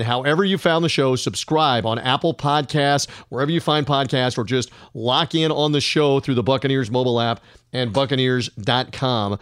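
A middle-aged man hosting a sports podcast alone, with a smooth broadcaster delivery and occasional fillers. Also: medium pitch, no echo, clean studio sound. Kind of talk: solo podcast monologue.

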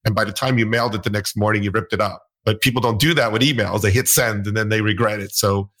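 A middle-aged male host explains his points in a calm, steady way. His voice is low and a little husky, and he speaks in an easy conversational tone. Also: quick pace. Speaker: physician podcast host. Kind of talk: casual interview chat.

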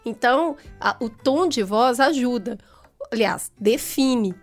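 High-voiced woman podcast host chatting. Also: slow pace, soft background music. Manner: chatty, tells anecdotes with acted quotes. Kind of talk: casual chat.

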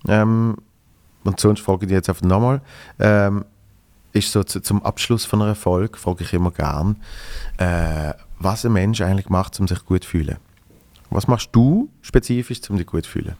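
A man with a Basel Swiss German accent, hosting a podcast and chatting in a relaxed, easy way. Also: on the low side, moderate pace. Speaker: podcast host. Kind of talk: casual chat.

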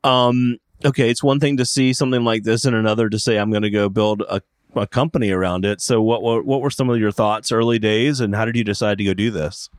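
A man's voice: lowish voice, fairly even intonation, fairly quick, dry recording. A man hosting a podcast interview, bubbly and jokey, with a close, dry microphone sound. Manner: bubbly, jokey, repeats catchphrases. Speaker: podcast host.

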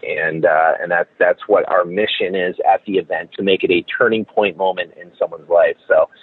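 A man speaking as a podcast guest over a low quality call from his car, eager and rambling with restarts. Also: fairly even intonation, moderate pace, slightly rough. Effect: low quality call audio over a phone line. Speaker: podcast guest, event organizer. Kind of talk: promotional chat. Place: in a car while driving. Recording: tinny phone line from a car.

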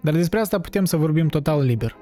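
A man's voice: fairly high pitch, lively intonation, warm tone, soft background music, pitched above the performer's own voice, lightly acted. A man voicing a confident male editor who explains at length in a diplomatic, lecturing way.

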